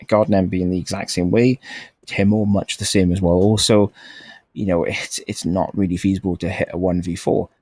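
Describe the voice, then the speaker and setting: Male esports caster, low-ish voice, easygoing and chatty, given to rambling. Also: a little mellow. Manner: laid-back, rambling, laughs often. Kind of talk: live game commentary.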